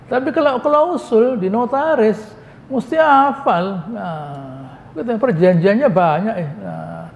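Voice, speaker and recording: High-voiced preacher in a mosque hall. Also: male voice, expressive, takes it slowly, vocal fry. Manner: conversational, answers his own rhetorical questions, joking asides. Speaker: Islamic preacher. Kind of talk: mosque lecture on Quran commentary. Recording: long reverb of a mosque hall.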